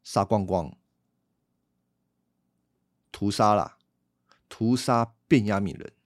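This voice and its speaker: A man's voice: on the low side, darkish tone, no echo, clean studio sound. Conversational man teaching. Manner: conversational, explanatory, rhetorical questions. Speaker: Bible teacher. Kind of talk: casual Bible teaching podcast.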